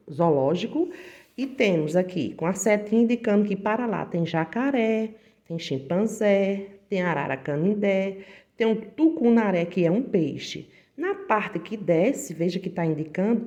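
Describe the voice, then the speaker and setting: A woman's voice: medium pitch, darkish tone. A woman with a Brazilian Portuguese accent teaching a recorded online lesson, explaining patiently and talking to the pupils directly. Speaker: primary school teacher.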